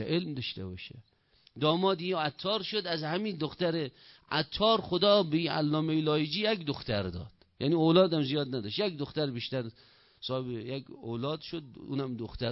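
A man's voice: on the high side, no room sound. Man preaching a story-filled sermon. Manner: animated storyteller, acting out dialogue. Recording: dull, lo-fi, dry recording.

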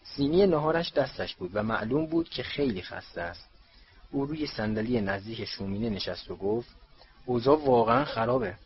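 A man reads a storybook aloud in an even, steady voice. His pitch sits in the middle for a man. The recording is slightly dull, with a faint hiss beneath it. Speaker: audiobook narrator. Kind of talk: storybook narration.

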